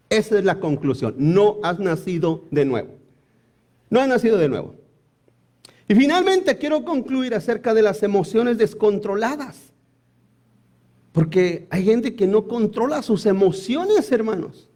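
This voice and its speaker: Brief: male preacher with a high voice, conversational sermon full of asides. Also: darkish tone. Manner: addresses listeners as brothers, many asides and restarts.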